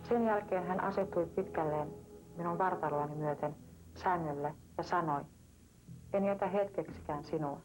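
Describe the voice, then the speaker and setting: A woman giving a calm, plain first-person account of an experience for a documentary. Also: fairly low pitch, rough recording. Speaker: woman recounting an abduction experience. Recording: voice with music playing behind.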